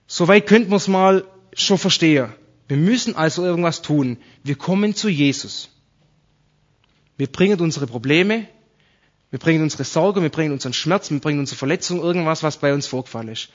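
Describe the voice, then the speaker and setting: A man's voice: fairly high pitch, brisk, lo-fi sound. A man preaching a sermon, explaining Bible verses to his congregation in a conversational way.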